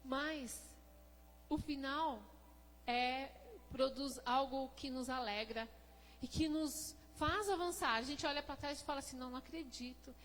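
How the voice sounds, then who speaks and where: A woman with a high voice preaches a sermon in a church hall, her words trailing off into a long reverb. She swings between loud, emphatic bursts and soft, low passages, and acts out the people in her stories. A faint hum runs behind her. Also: unhurried. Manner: tells anecdotes with quoted speech. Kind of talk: sermon at a prayer service.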